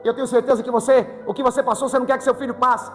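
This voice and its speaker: A middle-aged Brazilian pastor preaching a fervent sermon that rises to shouts, in a church. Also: male voice, extremely high pitch, level tone, racing. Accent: Brazilian Portuguese. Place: church sanctuary. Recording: long church reverb with music.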